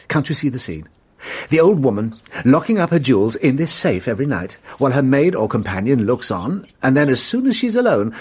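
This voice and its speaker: A shrewd French detective inspector in a radio drama, genial and self-assured. His medium-pitched voice swings expressively as he muses theatrically and savours his pauses. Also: a little mellow, breathy edge, lo-fi sound. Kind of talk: 1990s British radio drama acting.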